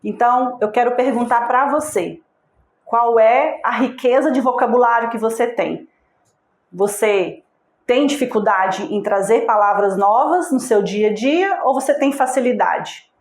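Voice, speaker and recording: A woman's voice: fairly high pitch, measured pace. Female instructor for a recorded video lesson, questioning the viewer, echoey room. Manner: asks the viewer direct questions; patient, explanatory, checks in with "tá?". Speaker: online course instructor.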